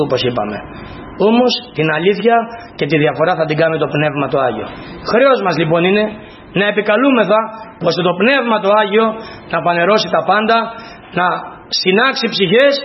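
A man preaching a sermon to his congregation in an earnest, emphatic way, repeating key phrases. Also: high-pitched. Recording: dull lo-fi recording with faint noise.

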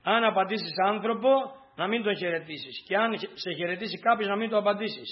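A man's voice: high-pitched, muffled recording, close to an everyday voice. A man voicing a stern old prophet giving urgent orders to his servant. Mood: commanding. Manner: firm, commanding.

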